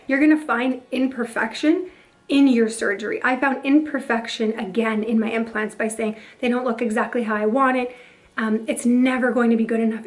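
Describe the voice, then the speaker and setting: A woman vlogger talking earnestly and confidingly to camera, her voice hoarse and partly lost after a breathing tube. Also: on the high side. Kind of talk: earnest personal talk to camera.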